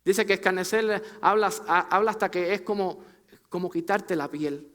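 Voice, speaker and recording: A male pastor delivers a sermon in a fairly high voice. He speaks straight to his congregation as brother and sister. His phrases build with emphasis, then sink low and quiet as each thought closes. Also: moderate pace. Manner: preaching with rising emphasis and drops to a low, soft close on phrases.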